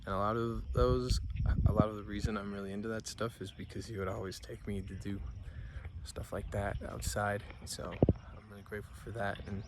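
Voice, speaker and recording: A young man with a lowish, flat voice talks casually and gratefully. He records outside in the mountains, and loud outdoor noise runs under his voice. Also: a little fast. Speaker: grandson. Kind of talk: birthday video message.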